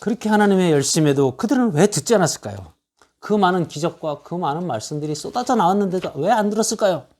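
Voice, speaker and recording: Quick-paced and animated, a pastor with a high-pitched, darkish voice preaches an expository sermon. He reads verses of scripture aloud and hammers his point with rhetorical questions and recurring lists.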